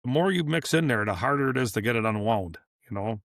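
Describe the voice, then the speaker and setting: A man's voice: medium pitch, expressive, fast, fairly bright tone, no room sound, clean studio sound. A man, a repair shop owner, telling a long story in a casual podcast interview, rambling and acting out what people said. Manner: rambling, repeats and restarts, acts out dialogue. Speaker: business owner guest.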